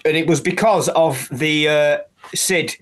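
A man's voice: fairly high pitch, a little slow, a bit bright. A middle-aged man co-hosting a casual podcast, telling wrestling stories and laughing along as he goes. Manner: storytelling, laughs through his anecdotes. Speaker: podcast co-host. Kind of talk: casual chat.

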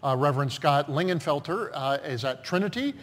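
A man's voice: fairly high pitch, expressive, a bit bright. Man leading a church service. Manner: halting, many fillers in announcements, measured in prayer. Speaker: pastor. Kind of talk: church service announcements and liturgy. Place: church sanctuary. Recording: long church reverb.

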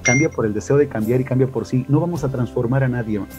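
A man with a Mexican accent giving a church marriage workshop, speaking in a lively, preachy way and calling the audience brothers. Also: mid-range voice, fast, soft background music. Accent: Mexican Spanish. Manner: animated, addresses listeners as brothers, acts out quotes.

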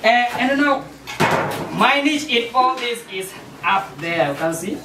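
A man's voice: very high-pitched, animated, takes it slowly, full character voice. A man playing a chatty American surveillance expert in an amateur stage play, talking hesitantly and tagging lines with "eh?". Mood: explaining. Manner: hesitant, tags sentences with "eh?". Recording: roomy, distant mic with faint noise.

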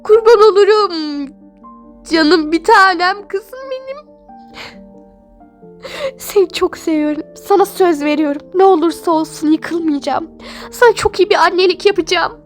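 A woman's voice: measured pace, pauses often, faint music behind. Woman playing a tearful young mother. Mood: tender. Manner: high, tearful, pleading. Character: poor young mother giving birth, tearful. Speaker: Toca Life role-play voice actor.

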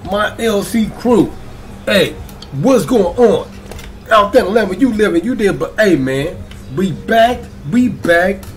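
A young man hosting his reaction channel in an excitable, slangy way, stretching out hype words and throwing in singsong ad-libs. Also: high-pitched, slight background noise. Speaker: YouTube reaction channel host. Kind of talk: hyped casual vlog intro.

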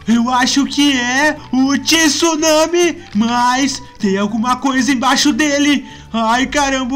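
High-voiced excitable Brazilian gamer man. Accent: Brazilian Portuguese. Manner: excitable, panicky exclamations, high-pitched. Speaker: gaming YouTuber. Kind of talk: excited Minecraft gameplay commentary.

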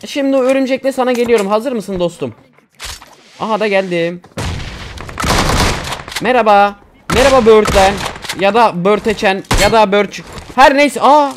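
A man giving casual, excitable gameplay commentary, chatting to viewers and teammates and swearing casually. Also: high-pitched, moderate pace, noisy background. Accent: Turkish. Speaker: gaming YouTuber.

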